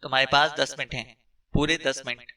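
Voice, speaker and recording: A sly kidnapper, smooth and persuasive, with a threat under the sweet talk, as a male narrator puts him on. The voice is very bright and set back from the mic in a storybook reading. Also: medium pitch, little pitch movement, a little fast, far from the mic. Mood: coaxing.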